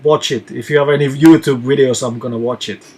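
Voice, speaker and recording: A man from Finland who reads out viewer questions and answers them in a relaxed live chat as a touring musician. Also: mid-range voice, brisk, slightly rough.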